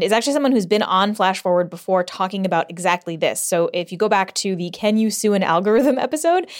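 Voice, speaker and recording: A woman hosting a podcast in an informal, conversational way, talking straight to listeners from under a blanket fort in a closet. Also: mid-range voice. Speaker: podcast host. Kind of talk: casual solo podcast narration to listeners.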